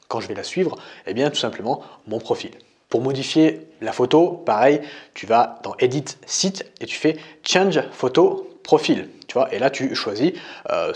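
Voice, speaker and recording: Casual young French man teaching. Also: mid-range voice. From France. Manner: casual, addresses listener as tu, frequent "tu vois" and "euh". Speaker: dating coach. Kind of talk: screen-recorded tutorial.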